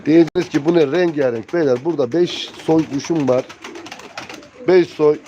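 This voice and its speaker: A man with a dark-toned voice on the high side speaks at normal speed while hosting a live bird auction stream. His talk is casual and colloquial as he greets viewers familiarly and shows birds. The recording is muffled and noisy, with cooing pigeons and birds in the background.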